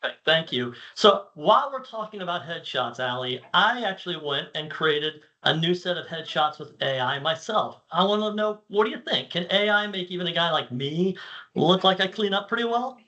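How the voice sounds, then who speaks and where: A man presenting at a conference, chatting with an AI co-host in a friendly, relaxed way with occasional fillers. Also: a little high, moderate pace. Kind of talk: casual presentation.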